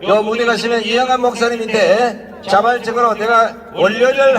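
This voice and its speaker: A man's voice: extremely high pitch, a bit bright. A man acting as master of ceremonies at an outdoor rally, giving directive, exhorting announcements. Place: outdoor street rally stage. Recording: long reverb from outdoor PA.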